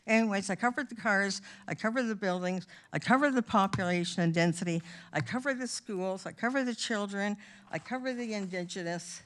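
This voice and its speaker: A woman's voice: mid-range voice, normal speed, a bit bright. A woman resident giving an emphatic, indignant public speech at a council meeting into a podium microphone.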